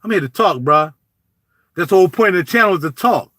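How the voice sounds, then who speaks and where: A man talks to camera in a casual vlog, preaching in animated street talk with big swings of pitch. His voice sits high and sounds bright and forceful. The recording is dry and close to the mic. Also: fast, dry recording. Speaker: YouTube vlogger. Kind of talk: casual spoken commentary.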